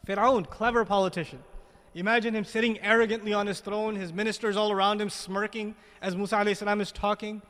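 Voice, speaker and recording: A man's voice: sits high, fairly even intonation, fast talker, a bit bright, long reverb tail. A man giving a Quran commentary lecture, asking the audience rhetorical questions and repeating words as he searches for them. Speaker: religious lecturer.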